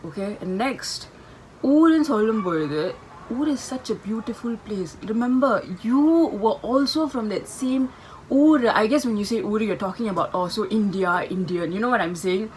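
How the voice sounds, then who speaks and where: A woman's voice: a little high, animated, very fast, a little mellow, slight background noise, poor audio. A young woman from Singapore with a Tamil accent, vlogging casually and emphatically, slipping between English and Tamil and checking in with tag questions. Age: young adult. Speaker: video blogger. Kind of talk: casual opinion vlog to camera.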